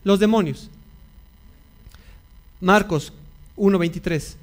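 A man's voice: high-pitched, slow pace. A male pastor preaching a sermon, repeating key phrases and putting questions to his congregation.

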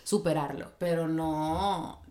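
A woman's voice: low-pitched, fairly even intonation, slow, warm tone. A young woman, co-hosting a casual chat and speaking candidly while acting out the voices she quotes.

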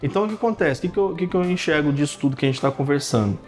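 Chatty pastor with a slightly high voice. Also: male voice, racing, faint music behind. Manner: animated storytelling, frequent "cara" and "né". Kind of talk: casual podcast chat.

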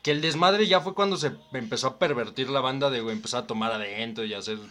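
A man's voice: mid-range voice, fast, a bit bright. A young man with a Mexican accent, telling stories in a slangy, filler-heavy casual chat. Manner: slangy storytelling, full of fillers.

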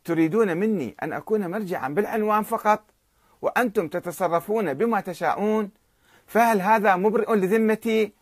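Old male cleric, furious and defiant, raised high shouting voice, put on by a male narrator. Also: a little fast, dry recording, studio quality. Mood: indignant.

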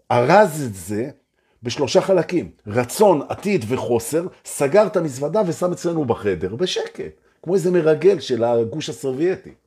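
A man leading a live motivational session as a spiritual teacher. His voice is very husky and breathy, with a mellow, warm tone. His pitch swings widely as he talks, and he repeats phrases in a playful way. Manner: animated, repetitive, playful. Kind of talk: live-streamed motivational talk.

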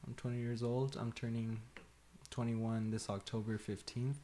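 A man's voice: mid-range voice, level tone, normal speed, dark tone, a little hiss or hum. A man in his twenties chatting casually on a podcast, telling stories in a rambling way and laughing as he talks. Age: 20s. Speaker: podcast co-host.

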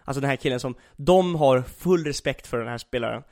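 A young man with a mid-range voice animatedly retells an anime in casual chat, using many fillers like "liksom." The studio sound is clean, with no room sound.

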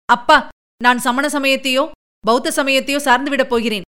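A woman voicing a spirited, sharp-tongued young princess who argues quickly and indignantly. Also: high-pitched, steady tone, smooth. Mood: troubled.

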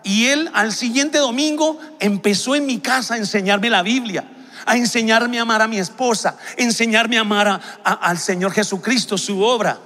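High, bright pastor preaching. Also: male voice, moderate pace, long reverb tail. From Colombia. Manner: passionate preaching, rising to shouts. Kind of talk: sermon to young people.

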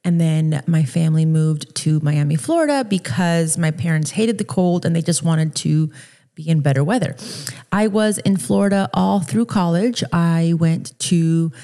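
A woman in her thirties hosts a solo podcast, talking in a casual, chatty way. Her voice sits low, and she corrects herself as she goes, with plenty of fillers along the way. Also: unhurried, warm tone. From Dominican Republic. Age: 30s. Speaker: podcast host.

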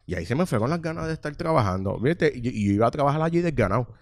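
A man in his thirties with a Puerto Rican accent, telling a workplace story in casual chat and acting out the voices loudly. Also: mid-range voice, very fast, no room sound, clean studio sound. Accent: Puerto Rican Spanish. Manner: animated storyteller, acts out quotes loudly, swears freely.

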